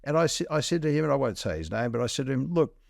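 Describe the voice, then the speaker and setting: A man's voice: mid-range voice, sing-song, racing, vocal fry, dry recording, clean studio sound. A man, a doctor co-hosting a health podcast, talking bluntly and walking through numbers in plain terms. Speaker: doctor co-host. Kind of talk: casual health podcast chat.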